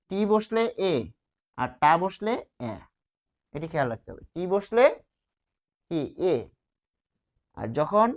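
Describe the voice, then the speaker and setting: A man teaches a grammar class, walking through each rule one step at a time. He keeps asking his students questions and then answers them himself. His voice sits a little high, and the recording sounds slightly muffled. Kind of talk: grammar lesson at a whiteboard.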